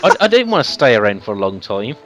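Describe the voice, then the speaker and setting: A man playing through a game and chatting casually, lively and quick to chuckle, often repeating his words. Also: mid-range voice, soft background music. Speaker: player narrating a playthrough. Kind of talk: casual gaming chat.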